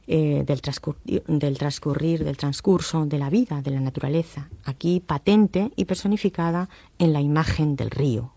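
A woman lecturer explaining text analysis in a measured way, often pausing with "eh" and tag questions. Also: deep voice, dark tone, no room sound. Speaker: university lecturer.

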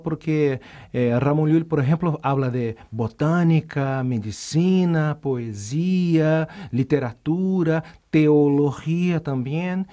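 Appearing as a guest in an interview, this male art history professor has a fairly high-pitched, dark-toned voice. A native Portuguese speaker from Rio de Janeiro, Brazil, he talks with a carioca accent, sounding thoughtful and hesitant with fillers.

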